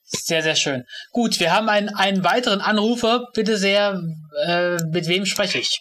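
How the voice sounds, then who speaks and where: A man hosting a comedy call-in show, reacting with quick stammering interjections. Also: high voice, sharp tone, a little hiss or hum. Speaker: host.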